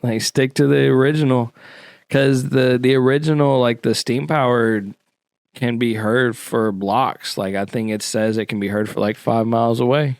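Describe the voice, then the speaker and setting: Laid-back man, smooth voice. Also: mid-range voice, steady tone, moderate pace, dry recording, clean studio sound. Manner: laid-back, explains history with slang and fillers. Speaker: podcast co-host. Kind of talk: casual podcast chat.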